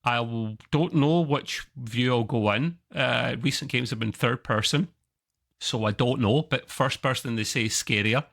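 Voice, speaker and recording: Excitable male podcast host, bright voice. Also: a little slow, vocal fry. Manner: excitable and chatty, jumps up in pitch when enthused. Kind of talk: casual chat about video games.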